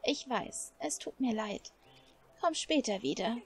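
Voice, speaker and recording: A woman voicing a stern, protective elderly woman in a game, speaking slowly and gravely. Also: on the high side, lively intonation, exaggerated voice. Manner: stern, scolding, slow and weighty. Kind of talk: game dialogue read aloud. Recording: faint music behind.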